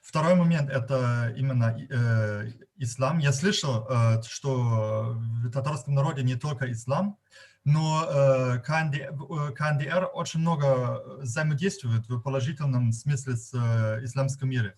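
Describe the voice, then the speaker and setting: A man from Germany with a German accent gives unscripted forum remarks as a guest, haltingly searching for words as a non-native speaker. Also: medium pitch, darkish tone. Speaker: guest participant at a media forum.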